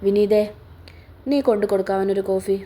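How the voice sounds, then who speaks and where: A woman voicing a domineering middle-aged father who shouts and gives commands in a storybook reading. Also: mid-range voice, monotone, normal speed, natural voice. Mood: stern. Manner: bellowing, commanding.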